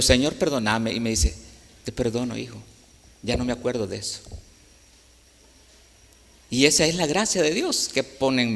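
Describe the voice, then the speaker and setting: A man's voice: medium pitch, a bit bright. A man preaching a sermon, speaking earnestly and directly to the congregation in a church. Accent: Latin American Spanish. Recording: echoey hall with long reverb.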